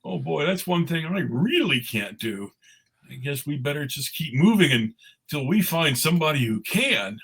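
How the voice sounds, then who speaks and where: A man plays a big-hearted cartoon snowman with a high, slightly husky voice. He is naive and eager, exclaiming like a child, with pitch that leaps all over. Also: big pitch swings, moderate pace, a bit bright, exaggerated voice. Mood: worried, urgent. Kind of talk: cartoon table read.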